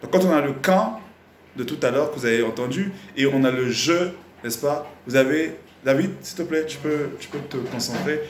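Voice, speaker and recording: A man teaching a live singing lesson, explaining slowly and repeating himself with many fillers, breaking into short sung examples. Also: on the high side, reverberant, slight background noise. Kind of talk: live online music lesson.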